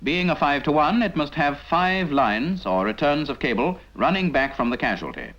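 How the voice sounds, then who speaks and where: Fairly high and a bit bright, this male voice is animated and keeps a normal speed. He's a British narrator of a scripted 1950s military training film who instructs the trainee directly, leaning on rhetorical questions in a didactic style. It's captured on a dull 1950s film soundtrack.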